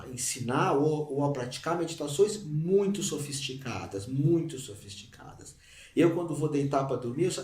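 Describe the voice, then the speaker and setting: A man teaches meditation in a relaxed, conversational manner and now and then breaks into chanted syllables. His voice sits in the middle range. He sounds a little distant from the mic, in an echoey room. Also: mid-range voice. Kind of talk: informal spoken teaching.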